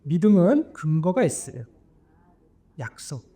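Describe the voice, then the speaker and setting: A male pastor preaching a sermon, telling stories with animated voices for the quoted lines. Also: on the high side, unhurried, breathy edge, no room sound.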